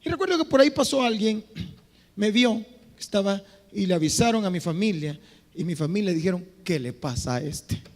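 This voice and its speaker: Impassioned high-voiced preacher in a hall. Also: male voice, a little fast. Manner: impassioned preaching, swinging between loud exhortation and quiet phrases. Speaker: pastor. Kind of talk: sermon. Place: church hall. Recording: reverberant church hall.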